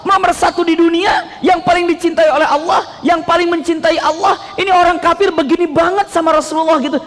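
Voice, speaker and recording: A male preacher, giving a lively sermon that keeps asking the audience questions. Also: very high voice. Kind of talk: Islamic sermon. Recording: long hall reverb.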